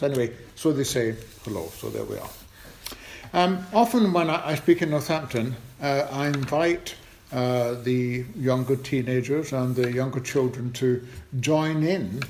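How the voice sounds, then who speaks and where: A man's voice: medium pitch, a little mellow, roomy sound, a little hiss or hum. A man leading a children's talk at a church service, chatty, asking the congregation questions. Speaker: preacher. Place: church hall.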